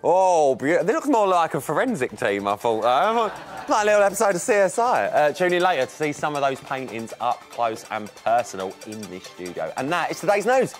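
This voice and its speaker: A man's voice: a little high, big pitch swings, normal speed, music in the background. A man hosting a live studio show in a playful, teasing way and calling out to the audience. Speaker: studio host.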